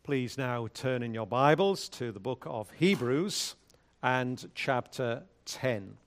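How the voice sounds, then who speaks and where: A man speaking at a pulpit microphone, a pastor leading prayer and reading scripture in a measured, solemn way. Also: mid-range voice, lively intonation. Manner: measured, solemn liturgical delivery.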